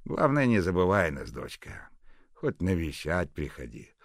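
A man voicing a loud, gruff war veteran in a read-aloud story, speaking in rough folksy phrases. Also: deep voice, big pitch swings, measured pace, no room sound, studio quality, pitched above the performer's own voice, full character voice. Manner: shouting, rough folksy speech.

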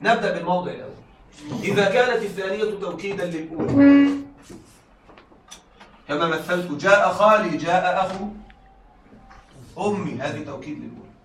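High-voiced male teacher in echoey classroom. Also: expressive, brisk, long pauses. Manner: keeps checking in with the class, repeats examples. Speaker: Arabic rhetoric teacher. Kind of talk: classroom lecture. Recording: echoey room, mic far off, faint noise.

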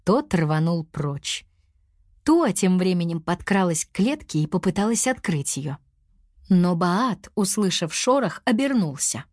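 Casting: expressive woman storyteller for a kids' audiobook, lively intonation, close dry sound. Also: on the low side, no echo. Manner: expressive, animated reading. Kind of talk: storybook narration.

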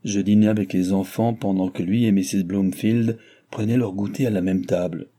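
A man reading a novel aloud as an audiobook narrator, in a measured, even storytelling manner. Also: lowish voice. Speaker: audiobook reader.

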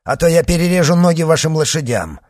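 A rough, menacing gate guard with a gruff voice, as a male narrator plays him. He sounds blunt and hostile. The recording is dry and close. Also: fairly low pitch, expressive, moderate pace, darkish tone, dry recording. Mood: threatening. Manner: gruff and threatening.

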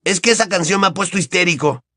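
A gloomy teenage boy sunk in guilt and mumbling his words, as a male narrator voices him. He sits somewhat above the narrator's own pitch and sounds dry and close. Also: expressive, fast talker, sharp tone, no room sound, full character voice. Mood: glum. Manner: mumbling, miserable. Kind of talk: audiobook character voice.

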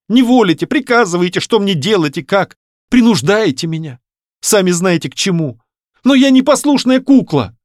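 A man's voice: high voice, no echo, clean studio sound, voice pushed up. A man reading a storybook voicing a distressed young woman who pleads and protests in a raised, tearful voice.

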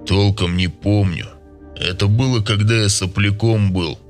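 A man voicing a gruff older village man who talks plainly and scoffs at rumors. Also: on the low side, steady tone, a little slow, faint music behind, close to an everyday voice. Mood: wary.

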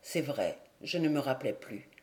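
A woman reading an audiobook, voicing a grief-stricken young husband in a low, broken, tearful voice. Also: takes it slowly, darkish tone. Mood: grieving.

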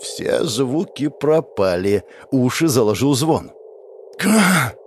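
A man narrating a first-person audiobook in a dramatic, expressive way. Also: medium pitch, normal speed, a little hiss or hum.

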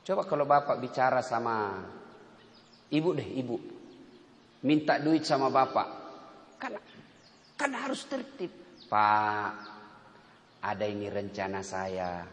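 A middle-aged male preacher giving a lively sermon, asking rhetorical questions, acting out little exchanges and slowly chanting prayers. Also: mid-range voice. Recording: echoey hall with long reverb.

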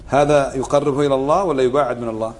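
Sheikh teaching fast in a hall. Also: male voice, medium pitch, steady tone, slight background noise. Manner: asks the audience questions and answers them himself; sarcastic. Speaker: sheikh teaching a book on creed. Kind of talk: religious lesson.

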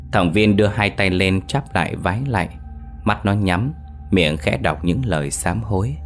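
A man narrating a horror story in a steady, ominous way. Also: sits low.

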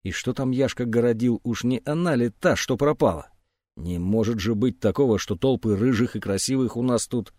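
A man's voice: medium pitch, big pitch swings, moderate pace, darkish tone, dry recording, studio quality, close to an everyday voice. A man reading an audiobook, voicing a stubborn, hot-tempered teenage boy who talks in a heated, defiant way. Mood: brooding.

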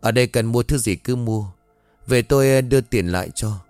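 A man's voice: medium pitch, moderate pace, a little mellow, smooth, no room sound, soft background music, lightly acted. A man doing an anxious, fretful middle-aged mother. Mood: weary, tired. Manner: pleading, fretful.

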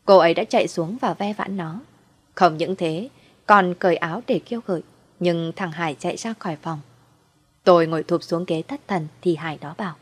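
A woman's voice: lowish voice, normal speed, husky. A woman narrating a first-person family drama story, telling it through the husband's eyes.

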